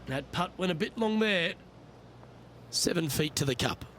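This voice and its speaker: A man playing a golf commentator in a video game, with measured sports broadcast delivery. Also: a little high, lively intonation, fairly bright tone, a little hiss or hum. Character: composed male TV golf play-by-play commentator.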